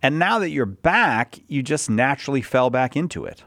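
A man's voice: medium pitch, animated, normal speed, fairly bright tone, no echo, clean studio sound. A man hosting a question show, reading listeners' questions aloud in a conversational style.

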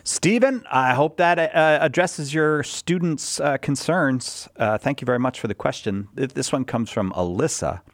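A man hosts conversationally, reading questions aloud. His medium-pitched voice moves up and down in a lively way, and the recording is dry with very little room sound. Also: normal speed, few pauses, no room sound. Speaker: host reading listener questions.

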